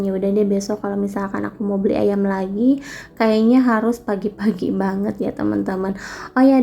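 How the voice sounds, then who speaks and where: A young woman talking casually through her home cooking, full of fillers, speaking in a kitchen. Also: vocal fry. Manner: chatty, relaxed, many fillers and tag phrases. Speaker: vlogger. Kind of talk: casual cooking vlog narration. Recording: faint background noise and rumble.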